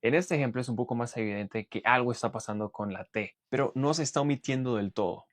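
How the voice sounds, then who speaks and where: A man teaching English pronunciation, explaining clearly and methodically and modelling example words. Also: mid-range voice, quick pace, no echo, clean studio sound. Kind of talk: explanatory language lesson.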